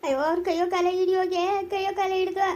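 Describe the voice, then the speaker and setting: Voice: extremely high pitch, level tone, rapid-fire, a little mellow. A performer in a homemade rural family drama, quarrelling, scolding and wailing in turn. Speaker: actor in family skit.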